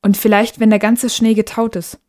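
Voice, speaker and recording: A woman reading the part of a gentle, loving mother in a storybook, soft and reassuring. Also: on the high side, little pitch movement, moderate pace, natural voice. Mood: tender. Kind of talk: audiobook character voice.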